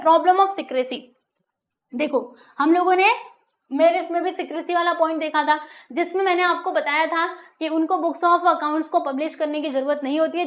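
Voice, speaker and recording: A woman teacher giving a classroom lecture. She keeps checking in with her pupils and slows down to read textbook lines aloud. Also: high-pitched. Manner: asks pupils frequent rhetorical checks. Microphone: recorded for an online lecture video.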